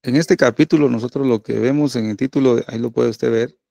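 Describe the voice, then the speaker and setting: Man, middle-aged, pastor, conversational sermon, gravelly voice, dry close sound. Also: medium pitch, fairly even intonation, fairly quick, warm tone, no room sound. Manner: conversational preaching with many tag questions.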